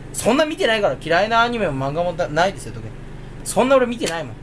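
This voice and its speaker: Animated fast-talking rambling man. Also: a little high, noisy background. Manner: rambling, jokey, talks to himself. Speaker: video creator. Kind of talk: casual unboxing chat to camera.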